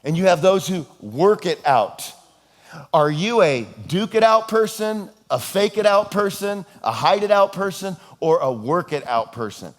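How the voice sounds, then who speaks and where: This is a man delivering a sermon from the pulpit, his voice sitting somewhat above the usual male range. He is a playful, joking storyteller, and he keeps things animated, moving between quiet asides and loud, energetic bursts. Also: high-pitched, measured pace. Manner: playful storyteller, jokes and horses around; animated and expressive, swinging between hushed and loud. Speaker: pastor.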